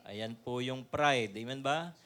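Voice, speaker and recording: A male pastor preaching a lively sermon with a Filipino accent, often asking the congregation questions and laughing. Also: medium pitch, takes it slowly.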